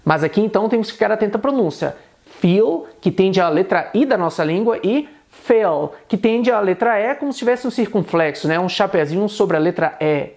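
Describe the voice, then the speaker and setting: A man teaching an online English pronunciation lesson, explaining patiently and repeating example words slowly. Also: high voice, animated.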